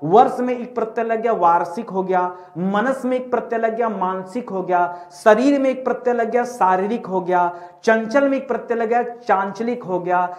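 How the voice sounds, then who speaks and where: A man's voice: high voice, moderate pace, hardly any pauses. A male Hindi grammar teacher giving an exam-prep spelling lesson, often asking rhetorical questions and calling his students "friends". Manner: asks rhetorical questions, keeps saying "friends" and "okay"; repeats and drags out key words.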